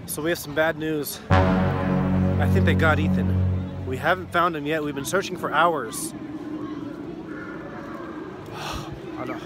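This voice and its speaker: A young man play-acts a disaster-film survivor's message to camera. He keeps his voice hushed, grave and dramatic. He holds the phone at arm's length outdoors. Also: a little high, lively intonation, normal speed, pauses often, loud music behind the voice. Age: young adult.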